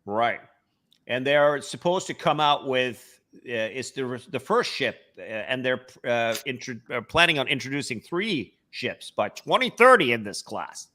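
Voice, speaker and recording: A man's voice: mid-range voice, expressive, a little slow, pushed and bright. A man from Norway with a Norwegian accent, hosting a casual travel webcast with many hesitations and fillers. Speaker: host.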